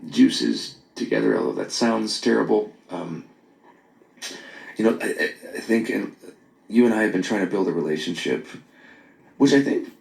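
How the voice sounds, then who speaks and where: A man leaving a late-night voice message on his phone, earnest and apologetic, talking haltingly with many pauses and restarts. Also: low voice, gravelly, darkish tone. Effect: voice message recorded on a phone. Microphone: phone held close. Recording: echoey phone voice memo.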